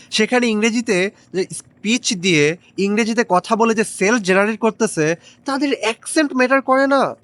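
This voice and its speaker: A man giving a lively spoken English lesson outdoors by the water, switching between Bengali and English. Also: high voice, no room sound. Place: outdoors by the water in the late afternoon.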